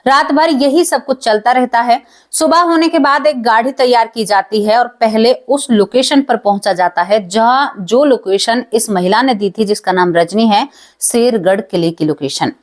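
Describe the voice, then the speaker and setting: A woman tells a supernatural story in an emotive, dramatic way and keeps turning to her listeners as friends. Her voice sits fairly high. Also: moderate pace. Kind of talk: dramatic spoken story narration.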